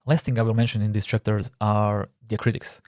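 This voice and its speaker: Speaking briskly in a lowish, darkish voice with little pitch movement, a man narrates a recorded typography course, carefully explaining terms. He's the instructor, a non-native English speaker with a Croatian accent, and the studio audio is clean and echo-free.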